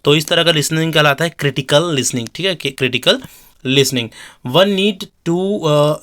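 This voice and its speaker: A man teaching an exam-prep lecture, explaining in Hindi and reading English definitions out slowly, with frequent check-ins and fillers. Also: a little high, a bit bright.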